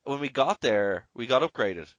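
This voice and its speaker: Irish male podcast host, average pitch, rambling casual delivery, dead-dry close mic. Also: expressive, moderate pace, a bit bright, no echo. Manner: rambling, leans heavily on "you know".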